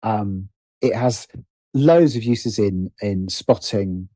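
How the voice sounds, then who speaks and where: Thinking out loud in a casual interview, a British writer and producer speaks in a mellow voice that sits on the low side. He's animated yet halting, circling back to restart and repeat phrases. The recording is dry.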